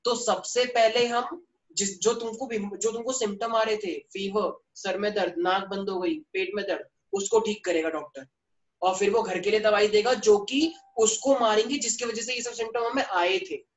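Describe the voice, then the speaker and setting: A man's voice: high-pitched, moderate pace. A male teacher giving an online class, teasing his students and explaining through stories. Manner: playful, teasing, storytelling with students. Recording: echoey room, voice from a distance.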